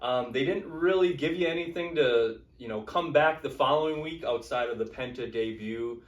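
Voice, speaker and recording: A man's voice: medium pitch, moderate pace, lo-fi sound. Rambling man in an echoey room. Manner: relaxed, rambling, many "you know" and "um". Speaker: co-host. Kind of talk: casual chat. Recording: roomy sound, distant from the mic.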